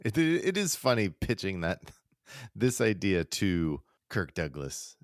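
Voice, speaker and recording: A man's voice: on the low side, big pitch swings, measured pace, no room sound, studio quality. A man co-hosting a casual podcast in an easygoing, agreeable way, chuckling along. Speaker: podcast co-host. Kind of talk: casual retrospective chat.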